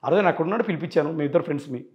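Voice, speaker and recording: A man's voice: a little high, very fast, highs cut off. A man as an interview guest, telling his side insistently and acting out past phone calls. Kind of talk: rapid interview account.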